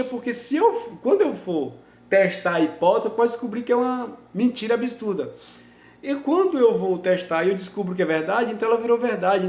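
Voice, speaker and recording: A Brazilian man lectures a class with a raised, high voice. He talks emphatically and keeps asking rhetorical questions. His voice rings around a reverberant room. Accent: Brazilian Portuguese. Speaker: teacher. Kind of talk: university lecture.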